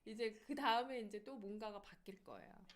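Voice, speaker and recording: A woman hosting a casual livestream from her own room at home, lively and quick, often laughing as she talks. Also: mid-range voice. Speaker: livestream host.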